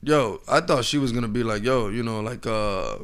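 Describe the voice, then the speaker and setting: A man with a mid-pitched voice talks like a frat bro in loose, slangy banter. He co-hosts a podcast and keeps it casual and conversational. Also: normal speed, a bit bright, clean tone. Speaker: podcast co-host.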